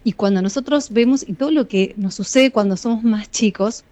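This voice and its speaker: Measured Argentine woman, dry sound. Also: mid-range voice, dark tone, dry recording. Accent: Argentine Spanish. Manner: measured, explanatory, addresses listeners directly. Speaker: psychologist and author, guest. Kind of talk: interview answers.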